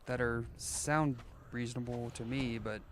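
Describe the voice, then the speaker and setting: A man's voice: mid-range voice, fairly even intonation, measured pace, crowd noise. A man chatting casually while live-streaming a game, rambling and joking as he thinks aloud, often restarting his sentences.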